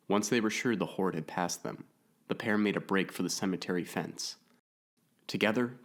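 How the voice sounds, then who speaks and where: A man narrating an audiobook story in a measured, atmospheric way. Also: low-pitched.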